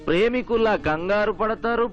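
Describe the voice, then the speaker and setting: A man's voice: high-pitched, brisk, lo-fi sound, natural voice. An actor playing a boastful, bossy drunk man on a train who talks in a slurring, mocking way, in film audio with music under it. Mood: teasing. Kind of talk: Telugu film comedy acting.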